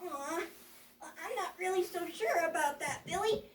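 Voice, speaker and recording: A performer voicing a childlike, excitable puppet in a children's show, exclaiming and stammering, easily frightened. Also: very high-pitched, a little slow, slight background noise. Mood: worried. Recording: roomy echo, distant mic.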